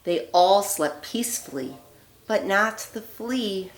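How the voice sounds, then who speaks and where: A woman teacher reading a children's picture book aloud, phrasing deliberately and expressively with emphasis on the rhymes. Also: medium pitch, lively intonation, background noise. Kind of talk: read-aloud storytelling for young children. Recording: echoey room.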